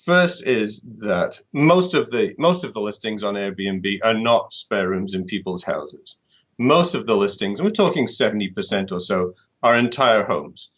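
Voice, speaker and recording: An expressive, unhurried British author with a lowish, slightly bright voice is being interviewed in a conversational style. He thinks things through aloud, restarting and repeating words along the way.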